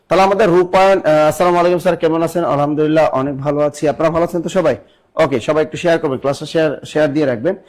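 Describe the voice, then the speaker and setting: A young adult man teaching a live online exam-prep class, spelling words out slowly, quizzing viewers and reading their comments aloud. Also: on the high side.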